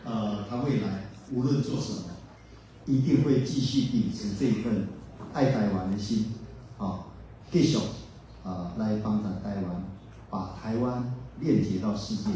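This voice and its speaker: A man giving a formal ceremonial speech in a measured way, with drawn-out fillers. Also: fairly low pitch, warm tone, a little hiss or hum. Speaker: speaker at a ceremony. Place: large hotel ballroom. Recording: echoey hall from far off.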